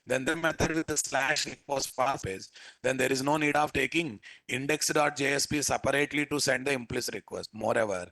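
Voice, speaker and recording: A man's voice: mid-range voice, brisk, pushed and bright. A man with a Telugu accent teaching a live programming lesson as an instructor, repeating phrases and often checking with his listeners through questions. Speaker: software instructor.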